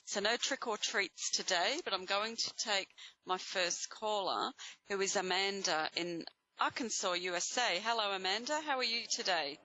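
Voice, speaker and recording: A woman with an Australian accent and a bright voice, hosting psychic readings and speaking in a reassuring, encouraging way. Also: medium pitch, normal speed, no room sound, dull audio. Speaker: host giving live psychic readings to callers. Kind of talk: spiritual guidance talk to audience and caller.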